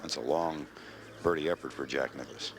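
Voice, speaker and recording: A man giving measured live golf commentary in sparse, clipped phrases. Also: extremely low pitch, a little hiss or hum.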